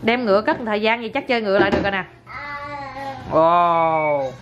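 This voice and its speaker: A woman's voice: medium pitch, racing, lo-fi sound, heavy background noise. A Southern Vietnamese woman chatting and coaxing a toddler in a home video, exclaiming often. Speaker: parent filming a toddler.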